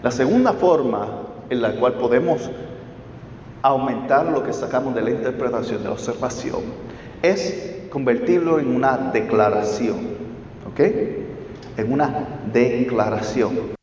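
A man's voice: mid-range voice, a little slow, long pauses, a little mellow, slight background noise. Man teaching Bible study in echoey hall. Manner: explains step by step, asks listeners questions. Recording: roomy hall, distant mic, dull.

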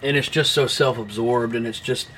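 A man's voice: medium pitch, fairly even intonation, normal speed, background noise. A young man co-hosting a podcast, talking through a film in a rambling, casual way with lots of fillers and restarts, swearing now and then. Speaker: podcast co-host.

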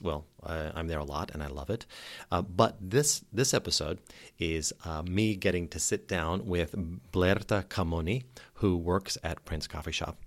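A man introduces his podcast episode in a relaxed, chatty way, with an occasional filler. His voice sits very low. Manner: relaxed, conversational, some fillers. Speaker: podcast host. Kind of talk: scripted intro narration.

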